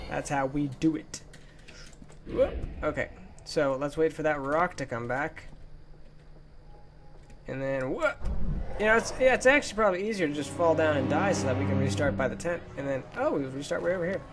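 With game music in the background and a faint hiss or hum, a young YouTuber with a fairly high voice narrates a let's play. His commentary is casual, chatty, and goofy, with plenty of playful outbursts.

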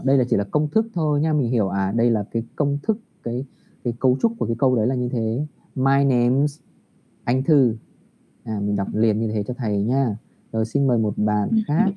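A man's voice: medium pitch, a little hiss or hum. Patient man teaching kids English online. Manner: patient, encouraging, reads English models slowly. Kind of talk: online English lesson for primary children. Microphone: computer mic on a video call. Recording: dull lo-fi video call audio.

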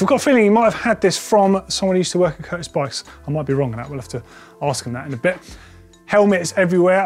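A man in his forties with a fairly high voice gives a chatty, enthusiastic tour of an indoor bike workshop. Soft music plays faintly underneath. He thinks aloud as he goes. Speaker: presenter.

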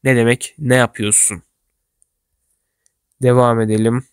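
Everyday German phrases are explained for learners by a man who teaches German and speaks Turkish as his first language. His pitch is an ordinary middle with little movement, the tone clean, and each model phrase comes slowly and carefully; the close, dry recording has no echo.

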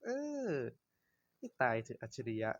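A man's voice: unhurried, a bit bright, lo-fi sound. A young man giving casual, swear-laced commentary while playing a survival game, talking to himself as he goes. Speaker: gaming YouTuber. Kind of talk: casual Minecraft let's-play commentary.

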